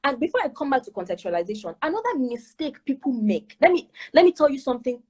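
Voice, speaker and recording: Emphatic Nigerian woman, husky voice. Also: high voice, big pitch swings, fast, darkish tone. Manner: emphatic, rhetorical questions, repeats words. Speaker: guest speaker on admissions. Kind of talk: advice talk on an online show.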